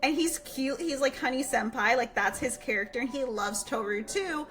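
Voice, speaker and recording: A woman co-hosting a podcast in casual chat, animated and laughing often, acting out characters' lines as she retells stories. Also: high-pitched, moderate pace. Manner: animated, acts out characters' lines while recounting. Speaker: podcast co-host.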